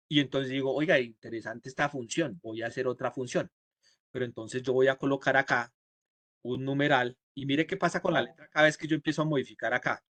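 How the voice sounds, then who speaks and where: A man from Colombia walks his class through code one step at a time, often stopping to ask if everyone follows. His voice sits in a middle pitch, and the sound is dry, with no room echo. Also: a bit bright. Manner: explains step by step, asks students ¿sí? and ¿cierto?; acts out the computer's replies in quotes. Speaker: programming instructor. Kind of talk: live coding class.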